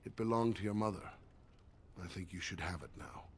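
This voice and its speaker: A man playing a fond, fatherly older elf in a video game, speaking in a tender, doting manner with a husky voice. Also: sits low, brisk, full character voice.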